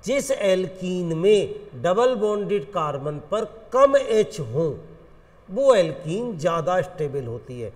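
A man with an Indian accent, teaching a chemistry lecture in an animated, coaxing way and addressing students as friends. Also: sits high, slow pace, big-room sound. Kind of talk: classroom lecture.

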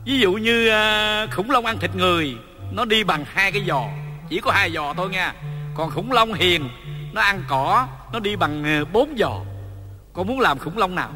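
An actor playing a playful, joking old grandfather, in a stage comedy sketch, talking in a teasing, excitable way. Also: high voice, normal speed. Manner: teasing, excitable, laughs a lot. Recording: long hall reverb, music behind.

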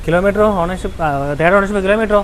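Fast Malayali man mixing in English, noisy outdoors. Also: sits high, steady tone. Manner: mixes English car terms into Malayalam. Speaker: car vlog host. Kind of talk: unscripted question-and-answer car walkaround. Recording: noisy outdoor car lot ambience.

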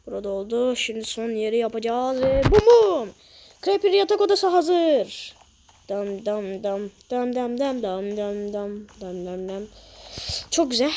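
A woman's voice: on the high side, darkish tone, a little hiss or hum. A woman giving casual gameplay commentary while she builds, muttering to herself and adding little sound effects. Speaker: Minecraft video creator.

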